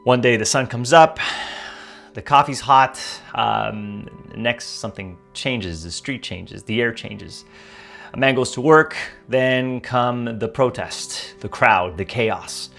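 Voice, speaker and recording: A podcast host on a video call opens with dramatic scripted narration before shifting to a casual interview full of hesitant fillers. The man's medium-pitched voice is gravelly and a bit bright, and he speaks slowly with faint music behind him.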